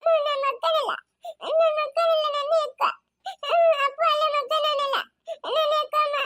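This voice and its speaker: A woman's voice: extremely high pitch, level tone, fast, a bit bright, no echo, studio quality. A woman voicing a sick, clingy little girl who whimpers and pleads to be carried, in a family moral drama. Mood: whiny tearful.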